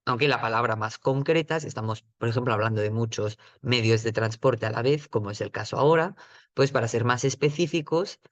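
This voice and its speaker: A male Chinese teacher gives a patient, explanatory vocabulary lesson, frequently checking in with the listener and repeating words slowly at a higher pitch. There's no room sound.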